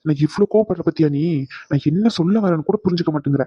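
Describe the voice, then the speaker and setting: A man's voice: on the high side, very fast, dark tone, breathy edge, dry recording. A man voicing an irritated young husband in a cartoon, exasperated and pleading by turns, on a dull lo-fi recording. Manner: exasperated, pleading then snapping.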